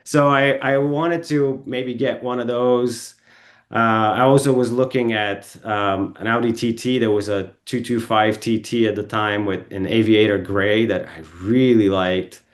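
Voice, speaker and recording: A man speaks as a podcast guest, his voice sitting a little low. He tells long stories in a relaxed, rambling way, stopping often to correct himself and filling gaps with ums. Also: measured pace. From Bulgaria. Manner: rambling, self-correcting, with frequent ums and restarts. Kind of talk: casual storytelling interview. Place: podcast studio.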